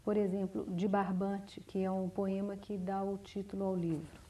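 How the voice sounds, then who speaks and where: A woman writer, answering interview questions in a measured, reflective way, often restarting and adding "né?". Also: mid-range voice, little pitch movement, mellow, a little hiss or hum. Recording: distant mic, 1990s TV studio recording.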